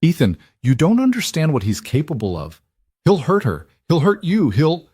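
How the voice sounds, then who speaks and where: A man doing a frightened young fiancée whose voice shakes as she pleads. The read is husky and dry, right on the mic. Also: medium pitch, wildly swooping pitch, moderate pace, darkish tone, dry recording, pitched above the performer's own voice. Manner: shaky, pleading.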